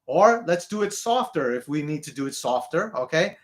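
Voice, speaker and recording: Teaching a voice lesson, this man speaks in a deep, sing-song way at a moderate pace. He closes most phrases with "okay?" and sings short example notes.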